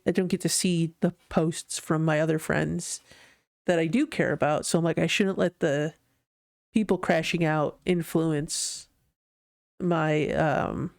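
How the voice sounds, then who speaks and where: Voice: mid-range voice, vocal fry, a little mellow, no echo, clean studio sound. A podcast host talking alone in a casual monologue, rambling and correcting themselves often. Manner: rambling, heavy on "like" and self-corrections.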